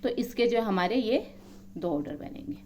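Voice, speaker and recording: A woman's voice: a little high, animated, moderate pace, darkish tone, slight background noise. A woman maths teacher explaining a lesson, counting items aloud one by one and checking in often with her students.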